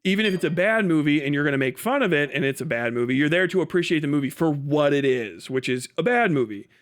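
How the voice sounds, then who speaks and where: A fast-talking man with a fairly high, expressive voice hosts a livestream. His spontaneous commentary is argumentative and emphatic, circling back repeatedly, with casual profanity.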